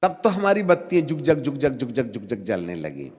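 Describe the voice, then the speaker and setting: Middle-aged bishop, story sermon, animated, acts out voices, long hall echo. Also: male voice, mid-range voice, moderate pace. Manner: animated, acts out voices in his story, rising to emphatic peaks. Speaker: bishop preaching.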